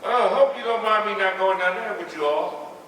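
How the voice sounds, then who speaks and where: An actor playing a protective grandfather on a theater stage, gruff and guarded, heard from a distant mic. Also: sits high, normal speed, a bit bright, a little hiss or hum. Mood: tender. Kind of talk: live stage drama. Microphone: distant room mic. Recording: echoey hall from far off.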